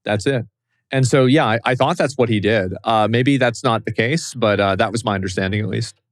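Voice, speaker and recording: A man's voice: lowish voice, a little fast, no room sound, studio quality. A man co-hosting a podcast, chatting casually and loosely, swearing often and leaning on fillers. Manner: laid-back, swears a lot, many fillers. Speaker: podcast co-host. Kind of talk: casual chat.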